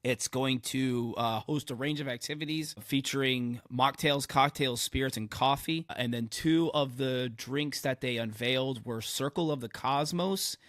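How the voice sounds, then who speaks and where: A man's voice: medium pitch, unhurried, few pauses, fairly bright tone, dry recording, studio quality. A man hosting a podcast in a casual, chatty way while getting over a head cold. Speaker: podcast host.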